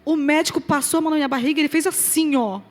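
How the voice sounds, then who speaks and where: Animated high-voiced Brazilian woman preacher. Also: rapid-fire, soft background music. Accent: Brazilian Portuguese. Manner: animated storyteller, swings loud and soft, laughs along. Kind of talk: testimony to a live audience.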